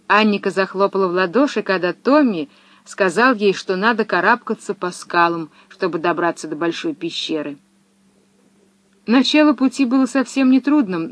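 A woman narrating a children's storybook in a lively, expressive way. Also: medium pitch, dry recording.

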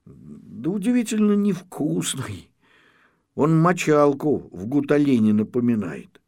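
A man's voice: a little high, big pitch swings, a little slow, gravelly, a little mellow, full character voice. A man voicing a sensible young boy in a storybook, earnest and plain-spoken.

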